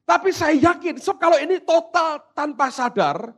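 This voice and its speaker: A male pastor preaching a sermon. He switches between hushed asides and loud, dramatic exclamations. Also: extremely high pitch, expressive, moderate pace.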